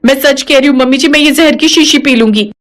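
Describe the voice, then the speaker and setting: A woman playing a dramatic young daughter-in-law in an animated storybook, her voice pitched high and urgent. She pleads and frets in a melodramatic way. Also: quick pace, close to an everyday voice. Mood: pleading.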